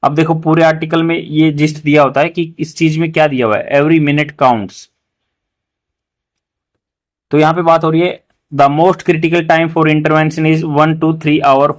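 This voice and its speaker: Hindi-speaking teacher explaining English words. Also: male voice, a little high, steady tone, moderate pace. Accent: Indian English. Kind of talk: newspaper reading lesson.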